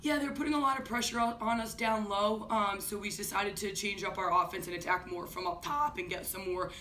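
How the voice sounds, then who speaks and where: A woman head coach answering questions at a postgame press conference, talking quickly with frequent ums. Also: mid-range voice. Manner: quick, steady, many ums. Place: office-like room, indoors. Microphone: far camera. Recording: distant room mic with faint hiss.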